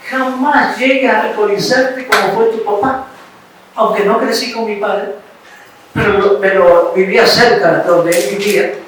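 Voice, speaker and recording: Ecuadorian male preacher, very high voice, storytelling sermon, heard from afar in a very echoey hall. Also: sharp tone. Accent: Ecuadorian Spanish. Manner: storytelling, checks in with listeners with "¿sí?" and "¿no?". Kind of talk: sermon with personal testimony. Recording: very echoey room, mic far off, faint hiss.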